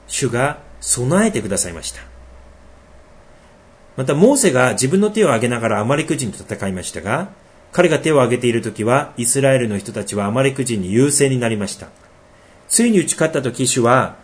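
Middle-aged guy preaching, reads scripture slow then talks it through, voice jumps around a lot. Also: mid-range voice. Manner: reads verses slowly, then explains in a conversational tone. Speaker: pastor. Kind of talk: sermon.

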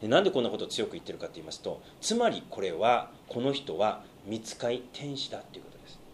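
A man's voice: on the low side, sing-song, quick pace, slight background noise. A pastor teaching a Bible study, explaining step by step with hesitant fillers and questions put to his listeners.

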